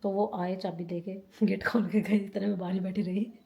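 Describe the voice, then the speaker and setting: A woman's voice: medium pitch, fairly even intonation, moderate pace, gravelly, mellow. A woman from India telling a story in a casual vlog. She talks in a rambling, chatty way, often laughing and repeating herself. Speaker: vlogger.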